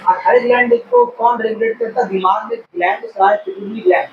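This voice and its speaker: A man's voice: high-pitched, huge pitch swings, quick pace, vocal fry, narrow, tinny audio. A man giving an informal, rambling explanatory talk, often asking a question and then answering it himself. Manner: rambling, conversational, asks and answers own questions. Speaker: speaker explaining a health topic. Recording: echoey room with faint ambient noise.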